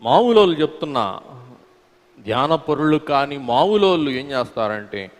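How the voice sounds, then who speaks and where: A preacher with a folksy lilt, ringing through a hall. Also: male voice, on the high side, very animated, moderate pace. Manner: call-and-response, drawing the congregation to answer back; folksy storyteller with homely examples. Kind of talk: sermon to a congregation. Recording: long reverb from a hall.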